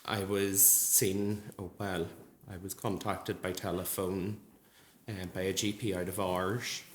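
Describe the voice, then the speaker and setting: Man, early thirties, low voice, earnest testimony speech, echoey hall. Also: little pitch movement, slight background noise. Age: 30s. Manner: earnest, measured, with frequent ums. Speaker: nurse speaking at a support group event. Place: large gallery hall. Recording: echoey hall with faint ambience.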